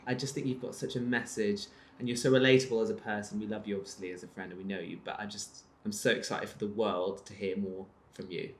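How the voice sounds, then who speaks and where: A man's voice: lowish voice, level tone, quick pace. A man in his thirties from Wales, a podcast guest talking in an affectionate, sentimental way. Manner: affectionate, sentimental, warm-hearted. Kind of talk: casual chat.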